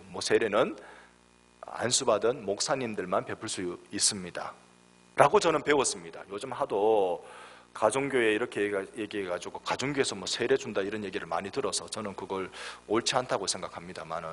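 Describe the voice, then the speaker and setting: Male guest preacher, forties, Gyeongsang accent; animated storyteller, builds to emphatic peaks; mid-pitched voice, long hall echo. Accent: Gyeongsang Korean. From Daegu, South Korea. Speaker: guest pastor. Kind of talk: sermon. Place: church sanctuary.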